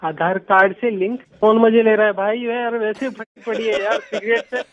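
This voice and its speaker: A man's voice: sits high, fairly even intonation, normal speed. A man taking a phone call, sounding worried and puzzled. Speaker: prank call victim. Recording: phone line with crowd noise.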